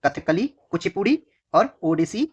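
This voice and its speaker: A man teaching an exam-prep lesson, repeating each term slowly as he writes it out and often calling his students dear children. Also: sits high, expressive, breathy edge, muffled recording. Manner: repetitive, dictating slowly while writing; addresses students fondly and often. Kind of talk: whiteboard lesson.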